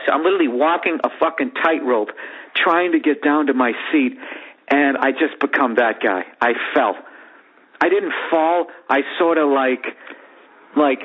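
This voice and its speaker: A man hosting a podcast, telling a profane, rambling comic story in a lively way from his bedroom. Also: medium pitch, a little fast, breathy edge. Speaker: podcast host. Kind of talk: comedic storytelling monologue. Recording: phone-like lo-fi audio.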